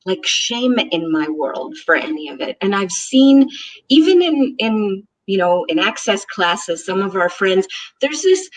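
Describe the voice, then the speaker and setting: Husky, emphatic woman in casual talk. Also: medium pitch, very animated, a little slow, rough recording. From Israel, raised in the United States. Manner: emphatic, enthusiastic, hesitant fillers. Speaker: co-host. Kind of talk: casual conversation.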